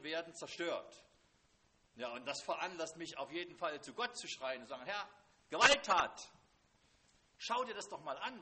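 A man preaching a sermon to a congregation, swinging from loud, dramatic outbursts to quiet, hushed lines. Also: a little high.

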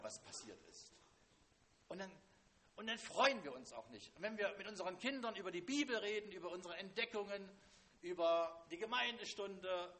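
A man preaching a sermon to a congregation, swinging from loud, dramatic outbursts to quiet, hushed lines. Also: high voice.

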